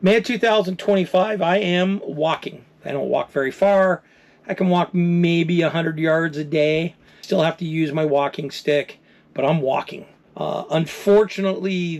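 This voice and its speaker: A man in his fifties with a slightly raised pitch tells his own story to the camera in a candid, determined way. He speaks plainly, with frequent fillers and friendly asides to his viewers. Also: steady tone, moderate pace, darkish tone. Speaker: RV travel vlogger. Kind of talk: personal story told to camera.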